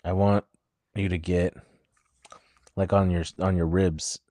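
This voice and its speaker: A man's voice: low voice, level tone, slow pace, dark tone, dry recording, studio quality. A man co-hosting a podcast in casual chat, trading teasing jokes. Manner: teasing, joking banter. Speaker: podcast co-host.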